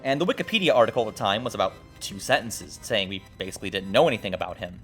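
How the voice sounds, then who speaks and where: Rapid-fire and expressive, a fairly low male voice hosts a video essay. He keeps it casual and wry, exclaiming and swearing now and then, with background music under the narration.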